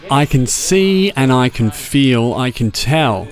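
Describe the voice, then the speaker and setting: A man's voice: medium pitch, animated, takes it slowly, faint music behind. An Australian man who works in a record shop, speaking reflectively and thoughtfully in an interview.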